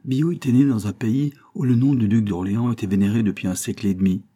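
A man reading a classic novel aloud as an audiobook narrator, steady and even, raising his voice when he voices the characters. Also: fairly low pitch, quick pace.

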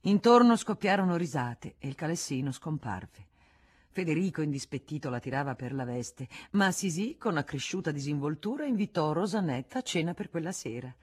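A woman reading a classic novel aloud in a measured, expressive way. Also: low-pitched, husky. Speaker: audiobook reader. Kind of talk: literary audiobook narration.

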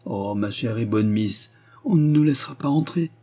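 A man's voice: medium pitch, normal speed, dark tone, lightly acted. A male narrator voicing a distraught, weeping old pastor who pleads in despair, in a storybook reading. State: crying. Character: tearful, devoted old pastor.

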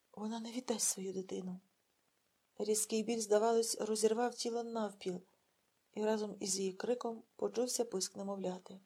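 Жінка, виразна аудіокнижкова оповідь. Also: female voice, mid-range voice, dark tone, slightly rough. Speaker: audiobook narrator. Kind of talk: literary audiobook narration.

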